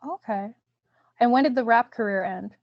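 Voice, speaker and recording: A woman's voice: a little high, moderate pace, dry recording. Woman interviewer, dull dry sound. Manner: brief prompts and acknowledgements. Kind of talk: interview questions.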